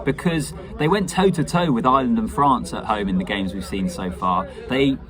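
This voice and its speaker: A man in his thirties giving casual, measured sports analysis as a pundit, opinionated and conversational. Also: mid-range voice, a crowd in the background. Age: 30s. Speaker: rugby pundit giving match reaction. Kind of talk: casual spoken match analysis to camera. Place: small indoor room at home.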